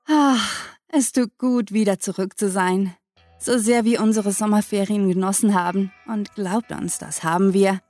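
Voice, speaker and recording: A woman's voice: mid-range voice, measured pace, a little mellow. A woman hosting a podcast, reading a playful scripted announcement full of sailing wordplay. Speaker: podcast host. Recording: faint music behind.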